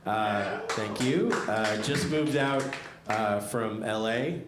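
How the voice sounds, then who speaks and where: A man's voice: fairly low pitch, takes it slowly. A man doing conversational, wry observational stand-up comedy in a club, with audience laughter. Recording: echoey club room, clear background noise. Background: crowd laughter.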